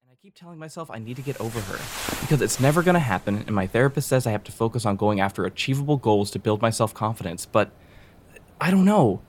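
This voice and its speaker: A man's voice: mid-range voice, lively intonation, fast, a little hiss or hum, lightly acted. An actor playing an insecure, lovesick young man who rambles nervously and undercuts himself. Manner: rambling, nervous and self-deprecating. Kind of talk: audio drama acting.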